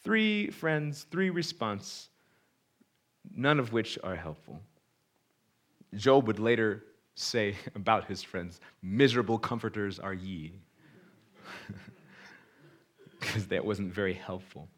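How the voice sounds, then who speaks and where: A man preaching a sermon in a conversational way. He reads scripture dramatically and acts out the people he quotes, swinging from loud to hushed. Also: lowish voice, lively intonation, slow pace, long pauses.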